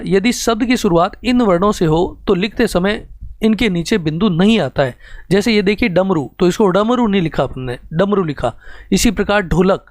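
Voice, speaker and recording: A man's voice: sits high, dry recording. A man teaching an exam-prep grammar lesson, explaining step by step and reading out examples one at a time.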